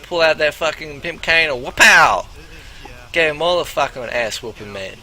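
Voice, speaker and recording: A man's voice: a little high, expressive, moderate pace, pushed and bright. A man voicing a boastful, swaggering pimp character in a game role-play, telling a rambling, profane story.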